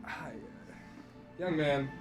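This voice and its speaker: A man's voice: fairly high pitch, fairly even intonation, extremely slow, over music. A man playing a tabletop game, mixing casual banter with wry, wheedling in-character improvisation.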